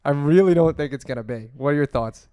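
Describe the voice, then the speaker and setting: Smooth-voiced man joking around. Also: a little high, quick pace, mellow, no echo. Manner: crude joking banter. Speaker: podcast co-host. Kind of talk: casual chat.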